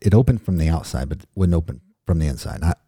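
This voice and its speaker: A man's voice: very deep voice, lively intonation, fast, mellow, slightly rough, no echo, clean studio sound. A middle-aged man hosting a podcast in casual chat, rambling and joking off on tangents. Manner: rambling, jokey, goes off on tangents. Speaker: podcast host.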